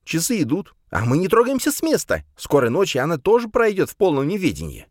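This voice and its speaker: Audiobook figure: a man doing a hot-tempered old man, high and loud, shouting in frustration, dry sound. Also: very animated, brisk, no echo. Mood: furious. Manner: shouting, exasperated.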